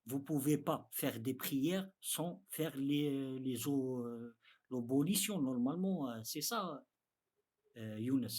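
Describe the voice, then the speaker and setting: In a darkish, husky, mid-pitched voice, an Arabic-accented man interprets a religious lesson for beginners in non-native French. He goes slowly and haltingly, repeating phrases often.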